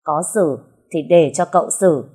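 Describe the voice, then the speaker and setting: A man's voice: a little high, normal speed, warm tone, husky. A woman voicing a spoiled, cowardly young rich man who barks orders and threatens. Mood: commanding. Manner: bossy, threatening.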